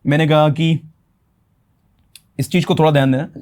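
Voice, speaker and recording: A man with a Hindi accent and a fairly high voice gives a classroom-style grammar lesson. He keeps asking his listeners questions and then answers them himself, switching between Hindi and English terms. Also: level tone, normal speed, darkish tone. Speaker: English teacher.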